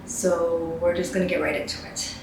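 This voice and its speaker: A woman's voice: lowish voice, little pitch movement, normal speed. Chatty woman in a very echoey room. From Taiwan. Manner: chatty and enthusiastic, rambling asides. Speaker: knitting podcast host. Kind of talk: casual chat to camera. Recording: very echoey room, distant mic, faint hiss.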